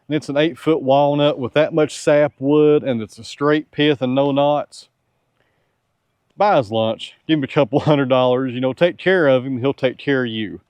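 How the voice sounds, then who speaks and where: Outdoors on a farm, a tired-sounding man with a medium-pitched voice takes viewer questions in a relaxed, folksy, candid style. He owns a sawmill and hosts the channel, and the recording has no echo.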